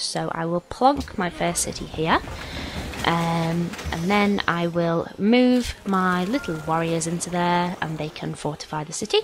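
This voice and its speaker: A woman's voice: fairly low pitch, rough recording. A woman with a slight sniffle gives casual, hesitant let's play commentary, explaining things informally as she goes. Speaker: gaming video host.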